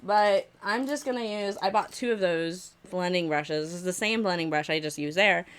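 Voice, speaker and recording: A woman's voice: fairly low pitch, normal speed, smooth. A woman chatting casually as a makeup vlogger, blunt, sassy and self-mocking in her reactions and tips. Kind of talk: casual reaction and tutorial chat. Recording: music playing behind the voice.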